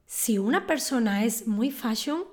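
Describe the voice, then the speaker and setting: A woman, giving a calm, clear scripted lesson on words. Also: on the high side, unhurried. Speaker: Spanish teacher.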